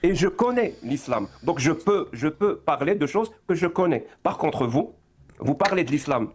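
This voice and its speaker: A man's voice: fairly high pitch, very animated, normal speed, breathy edge. Insistent man lecturing. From Algeria. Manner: insistent, lecturing, stammers on restarts. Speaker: debater. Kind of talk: heated live debate. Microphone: computer mic on a live call.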